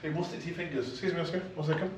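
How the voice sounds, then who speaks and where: A man's voice: a little high, very fast. A man casually giving a hands-on cooking demonstration, patiently encouraging and repeating his instructions. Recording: very echoey, distant mic, noisy surroundings.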